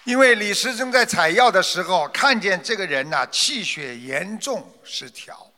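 A man telling a moral folk tale and then lecturing on its lesson, in an expressive, dramatic way. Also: high-pitched, moderate pace, in a large hall. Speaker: storyteller. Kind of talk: moral storytelling with commentary.

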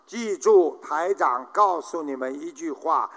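A man preaching a Buddhist sermon at an unhurried pace, his pitch rising and falling widely. His voice sits fairly high for a man, and a long reverb trails his words through a large hall. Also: animated, fairly bright tone. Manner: slow, measured preaching, acting out joke characters. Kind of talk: sermon with jokes.

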